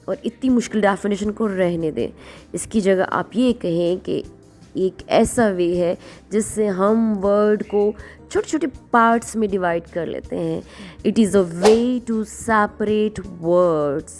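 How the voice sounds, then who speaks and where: A woman's voice: medium pitch, a little mellow, faint music behind. A woman teaching young children phonics, sounding out and stretching words syllable by syllable in mixed Hindi and English. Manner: drawn-out, clapped syllables, mixing Hindi and English.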